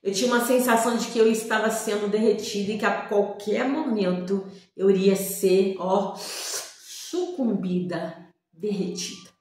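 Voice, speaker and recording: A woman's voice: medium pitch, unhurried, a little mellow. Emotional woman telling her testimony. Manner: dramatic, emphatic storytelling, addresses viewers directly. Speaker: person giving a religious testimony. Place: seated on an old creaky chair. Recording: very echoey room.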